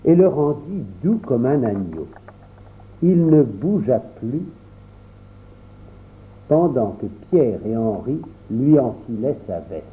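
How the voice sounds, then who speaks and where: A man reading a children's story aloud in an expressive storytelling manner, in a tinny phone-like recording. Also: mid-range voice. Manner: animated, unhurried storytelling. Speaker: storybook reader.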